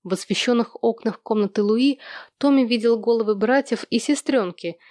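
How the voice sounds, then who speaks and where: A woman's voice: a little high, moderate pace, darkish tone, no room sound, studio quality. Woman narrating an audiobook. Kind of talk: scripted narration.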